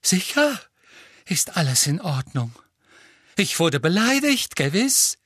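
A shrill, wildly high-pitched witchy teacher, as a male narrator puts her on, loud and hysterical with a quavering voice. She stretches her words out with great drama. It is a storybook reading in a dry, close recording. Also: slightly rough, no echo, exaggerated voice. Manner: theatrical, drawn-out words. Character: high-strung middle-aged female divination teacher, offended.

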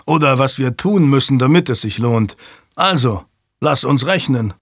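A man voicing a practical, skeptical male stable master who speaks in a measured way. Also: medium pitch, animated, no echo, clean studio sound.

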